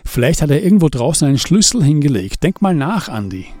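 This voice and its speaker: A man voicing Klaus, a practical, energetic adult man who speaks briskly and decisively, in an audiobook. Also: on the high side. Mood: calm.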